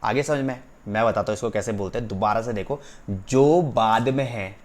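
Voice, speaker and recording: A man teaching a physics class, dictating slowly, repeating key terms and checking that students follow. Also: lowish voice. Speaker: physics tutor. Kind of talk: online class lecture.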